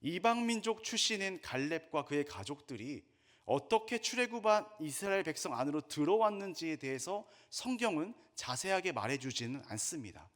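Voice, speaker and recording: A middle-aged man preaching a sermon in a church, his voice sitting a little higher than most men's. His pitch swings widely as he builds up phrases and then sinks low and slow for quoted scripture. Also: fairly bright tone. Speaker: pastor. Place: church sanctuary.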